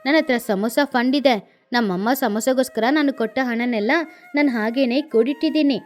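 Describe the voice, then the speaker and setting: A woman voicing a boastful but good-hearted young boy bird in a cartoon, talking in a slow, swaggering, playful way. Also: on the high side, a little mellow, soft background music, close to an everyday voice. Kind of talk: cartoon voice acting.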